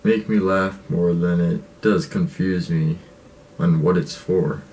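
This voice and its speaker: A man's voice: low voice, fairly even intonation, takes it slowly, darkish tone, far from the mic. A young man giving casual commentary as the host of a reaction video, recorded in a bedroom. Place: small bedroom, indoors.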